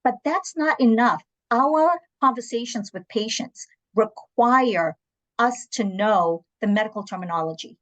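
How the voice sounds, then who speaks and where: A Portuguese-first-language woman from Angola and South Africa joins a panel talk as an interpreter services guest. She speaks unhurriedly in a fairly high, somewhat bright voice, candidly recounting anecdotes with emphatic asides.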